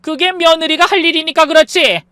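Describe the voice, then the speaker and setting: A woman's voice: very high-pitched, brisk, pushed and bright, no room sound, voice pushed up. A woman voicing a domineering older mother-in-law who talks with scorn and scolds. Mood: scornful. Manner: scolding, contemptuous.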